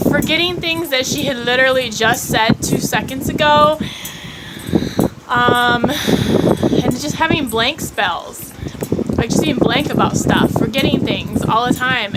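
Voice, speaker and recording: A woman with a high voice talks casually to her viewers, wandering off topic and circling back with plenty of fillers. She records at home with the windows open, so wind and noise sit clearly behind her voice. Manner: rambling, chatty, many fillers and restarts. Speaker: vlogger. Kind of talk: casual chat to camera. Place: home room with windows open on a windy day.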